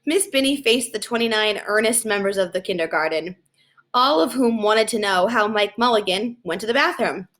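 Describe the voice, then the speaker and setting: Reading at a moderate pace in a medium-pitched voice, this woman brings a children's storybook to life with expressive narration.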